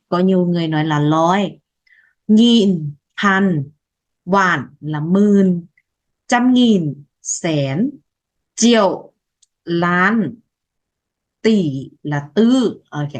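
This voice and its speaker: A woman teacher giving a language lesson, saying each word slowly and twice so students can repeat it. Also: fairly low pitch. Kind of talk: slow language lesson, repeating words for practice.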